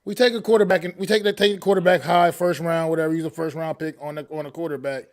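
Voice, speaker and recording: A man's voice: on the high side, steady tone, fast talker, darkish tone. A man on a sports talk panel pressing his point and repeating himself. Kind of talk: sports debate.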